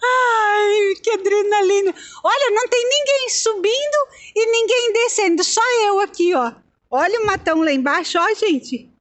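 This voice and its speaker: A woman's voice: very high-pitched, unhurried. A woman vlogging casually from a phone on an open cable car outdoors, chatty, nervous and exclaiming. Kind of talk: casual vlog narration. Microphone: handheld phone.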